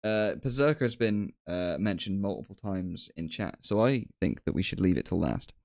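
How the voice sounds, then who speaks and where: A man's voice: sits low, lively intonation, moderate pace, a little mellow, no echo, clean studio sound. A man guesting on a live stream, easygoing and stumbling over his words. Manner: stammering restarts, easygoing. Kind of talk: casual chat.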